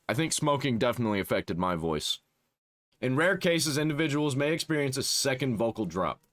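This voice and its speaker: In casual reaction commentary, a male channel host mocks and curses his way through, reading search results out loud. His fairly bright voice jumps from squeaky highs to an affected deep tone.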